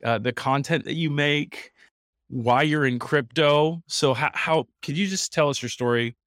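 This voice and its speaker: A man's voice: a little high, measured pace, fairly bright tone, dry recording, clean studio sound. A man hosting a casual podcast interview, eager and often restarting his sentences. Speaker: podcast host.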